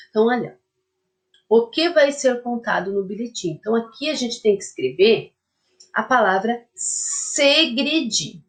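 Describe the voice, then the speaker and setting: A woman's voice: fairly high pitch, darkish tone. A woman primary school teacher giving a lesson to young children. She talks patiently, checks in often with the class, and dictates a word syllable by syllable. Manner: uses many diminutives and checks in with "tá?".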